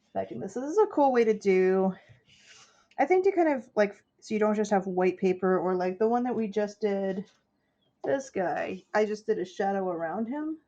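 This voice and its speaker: A woman with a cold-stuffed nose chats casually during a live stream, explaining each step as she paints. Her voice sits at medium pitch and sounds a little mellow, though the audio is dull.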